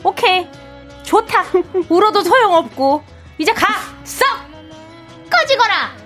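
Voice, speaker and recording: A woman's voice: very high voice, big pitch swings, slow, a bit bright, faint music behind, full character voice. A woman playing a possessive, menacing witch mother in a comic fairy-tale audio drama, theatrical, scolding and commanding. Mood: menacing, gloating.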